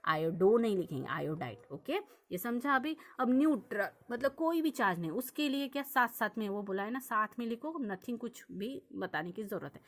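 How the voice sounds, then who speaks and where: A young woman with a fairly high voice and lively intonation teaches a chemistry lesson at normal speed, explaining on a board. She works through examples, repeats herself, and asks her students questions to check they understand.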